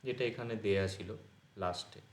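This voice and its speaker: A man teaching an exam-prep grammar lesson, explaining slowly as he writes on a page. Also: fairly low pitch. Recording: echoey room.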